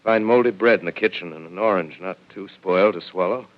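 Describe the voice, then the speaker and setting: An actor playing a lone, shaken professor surviving an invasion, narrating gravely in a 1930s radio drama heard through old AM radio sound. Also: male voice, low voice. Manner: grave, measured, reflective. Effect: old AM radio broadcast sound. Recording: muffled 1930s AM radio broadcast.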